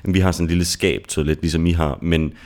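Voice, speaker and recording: A man's voice: low-pitched, steady tone, a little mellow. A man co-hosting a podcast in casual chat, joking and rambling through stories from a sofa, into a mic on a robot arm. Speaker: podcast co-host. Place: living room sofa at co-host's home.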